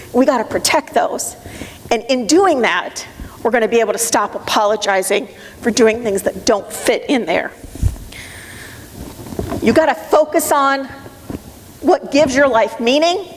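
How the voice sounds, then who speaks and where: A middle-aged woman giving a live motivational talk to an audience, emphatic, direct and coaching. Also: a little high. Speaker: motivational speaker. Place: conference room with audience. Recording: long hall reverb, faint noise.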